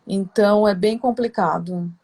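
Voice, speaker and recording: A woman's voice: medium pitch, a little slow, darkish tone. A woman from Santos, Brazil, hosting an interview in a chatty, rambling way, full of fillers and tag questions. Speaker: interview host. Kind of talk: casual interview chat.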